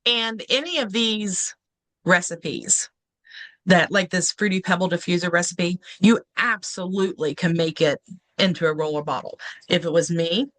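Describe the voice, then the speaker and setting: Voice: mid-range voice, fairly bright tone, low-quality recording. A host in casual live chat, chatty and speaking directly to viewers.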